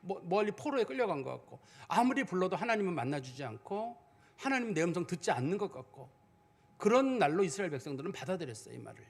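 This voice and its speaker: A man's voice: high-pitched, sing-song, fast talker, creaky. A male pastor preaching a sermon in a conversational way, acting out the prayers he quotes.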